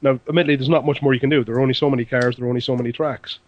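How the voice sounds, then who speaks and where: A man on a podcast panel, giving measured, opinionated takes. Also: mid-range voice, fairly even intonation, lo-fi sound. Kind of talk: casual chat about games.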